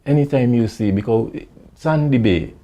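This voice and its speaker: A man from St Vincent with a Vincentian Creole accent, recalling his childhood in an oral history interview, halting and repeating words as he goes. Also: mid-range voice, warm tone.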